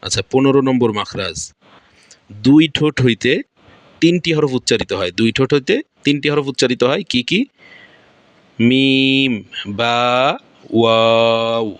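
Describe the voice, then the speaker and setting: A man's voice: medium pitch, lively intonation, fairly quick, dry recording. A man with a Bangladeshi Bengali accent teaching Quran recitation pronunciation step by step. He repeats each point and asks questions that he then answers himself.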